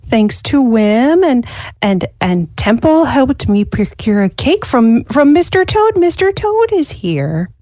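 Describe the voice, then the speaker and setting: A woman plays her character in a tabletop game, slow and sweetly eager. Her voice is somewhat high, and the sound is dry and close. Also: big pitch swings, warm tone, no room sound. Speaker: player. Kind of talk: in-character play.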